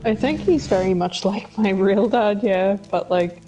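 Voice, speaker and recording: A woman's voice: medium pitch, measured pace, warm tone, soft background music, low-quality recording. A woman co-commentating on a video game in a casual, teasing, conversational way. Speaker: co-commentator watching a playthrough. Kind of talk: casual chat over gameplay.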